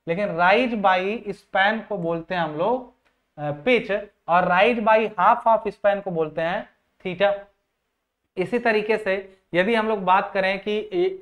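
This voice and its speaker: Man tutoring with rhetorical questions. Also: high-pitched. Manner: asks rhetorical questions and repeats key points; informal, addresses viewers as friends. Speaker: civil engineering tutor. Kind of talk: exam-prep lecture explaining diagrams.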